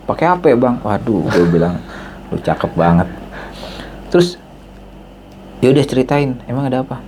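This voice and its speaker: A man speaking, casually telling a story on a podcast and acting out the dialogue with a jump in pitch. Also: normal speed, background noise. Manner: animated, acts out dialogue with raised pitch.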